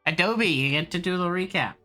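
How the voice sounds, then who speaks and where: A man's voice: sits high, lively intonation, brisk, bright, forceful tone, soft background music. A man running a tabletop game on stream, laid-back and rambling, laughing often. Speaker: game master. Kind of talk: casual stream chat.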